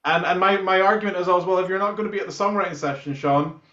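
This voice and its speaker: A band musician from Scotland fires off jokey anecdotes in a casual interview chat, speaking rapidly in a high-pitched voice that is steady and fairly bright. The sound is roomy, echoey, and muffled.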